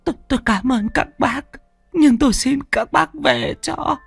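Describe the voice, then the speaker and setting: A man voicing a frail, bedridden old mother who pleads and weeps in a high, quavering falsetto, within a spoken ghost story. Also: normal speed, creaky, breathy edge, no room sound, soft background music, exaggerated voice. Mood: tearful pleading.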